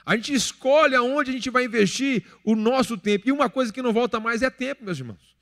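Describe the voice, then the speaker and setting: A pastor in his thirties with a Brazilian Portuguese accent preaches a sermon in a church hall, conversational and joking, acting out little everyday scenes. His voice is very high, fairly quick and fairly bright, with long church reverb.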